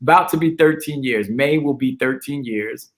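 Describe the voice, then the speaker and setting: A man, a pastor chatting as a guest in a relaxed way and joking about himself. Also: mid-range voice, normal speed. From Brooklyn, New York. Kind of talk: casual interview chat.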